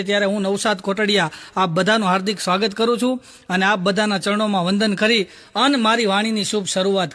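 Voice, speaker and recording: A man's voice: high voice, a bit bright. A man telling jokey stories on stage as a stand-up comedian. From Gujarat, India. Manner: jokey storytelling, punchline-driven. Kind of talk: live comic storytelling.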